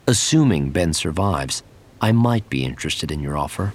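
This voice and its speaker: A man reading the lines of a calm, shrewd male Jedi master in a cool, measured way. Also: rumbling low.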